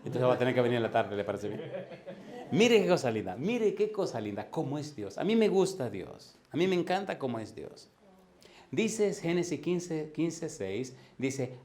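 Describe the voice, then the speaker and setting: A man in his fifties preaching a sermon with lively energy. He keeps firing questions at the congregation and waits for their answers. His voice sits at a middle pitch for a man. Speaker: pastor.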